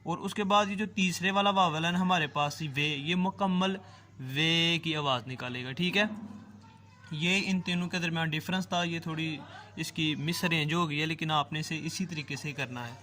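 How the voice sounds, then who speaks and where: A man's voice: on the high side, bright, forceful tone. A man teaching a language class, patiently drawing out and repeating each sound and checking that the listener follows. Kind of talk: online language lesson.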